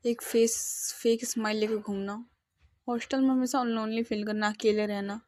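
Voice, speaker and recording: A woman's voice: on the high side, steady tone, moderate pace, a little mellow, dry recording, lightly acted. A woman voicing a troubled, lonely young man who speaks in an emotional, pleading way in a storybook reading. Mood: brooding.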